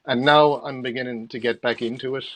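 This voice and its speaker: Speaking a little fast in a medium-pitched, steady, somewhat bright voice, this middle-aged Galway man with an Irish accent is being interviewed about his freelance work as a theatre production manager. He rambles conversationally and repeats words while explaining, over slight background noise.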